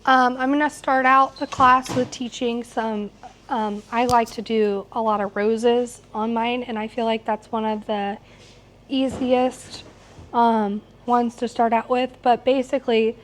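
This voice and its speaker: A middle-aged woman with a slightly hoarse voice, teaching an informal hands-on quilting class. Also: on the high side, fairly even intonation, measured pace. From United States, located in Missouri. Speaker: quilting instructor. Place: shop workroom with warehouse shelving, small seated class. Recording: clear background noise in shop room.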